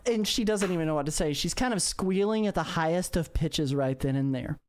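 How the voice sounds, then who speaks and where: A woman runs a tabletop game, narrating with a slightly low voice. She stops and restarts often and fills the gaps with uh and um. Her telling is loose and unhurried. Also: lively intonation, a little mellow. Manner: filler-heavy, halting narration. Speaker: game master.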